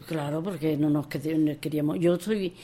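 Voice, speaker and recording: An older woman guest from Spain, talking in a halting, emotional way, often repeating words. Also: low voice, steady tone, dark tone. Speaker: interview guest, memoir author. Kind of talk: conversational interview.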